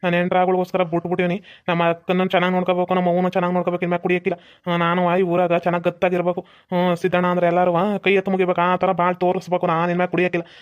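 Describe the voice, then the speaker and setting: A swaggering cartoon uncle, played by a woman, brags in a North Karnataka Kannada accent. He talks fast on a flat, even pitch. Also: dull audio, close to an everyday voice. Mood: boastful. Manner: boastful, swaggering. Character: boastful uncle, a reformed drinker, teasing his bride-to-be. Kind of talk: hobby cartoon voice acting.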